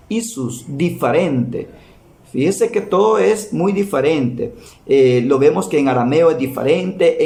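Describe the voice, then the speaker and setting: A man preaches a Bible lesson at an unhurried, careful pace, in a fairly high voice. He repeats key words to drive each point home. His voice rings in a roomy, echoey space. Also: a little mellow. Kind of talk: Bible teaching sermon.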